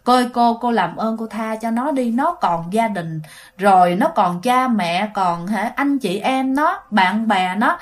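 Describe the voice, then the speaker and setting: A woman doing a soft-spoken pleading old grandfather. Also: on the high side, expressive, a little slow. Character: elderly grandfather pleading with a ghost, gentle.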